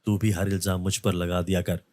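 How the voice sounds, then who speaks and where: A man's voice: low voice, little pitch movement, fairly quick, darkish tone, no echo, close to an everyday voice. A man voicing an indifferent, lazy beggar husband who grumbles and brushes things off. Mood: grumbling. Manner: grumbling, dismissive.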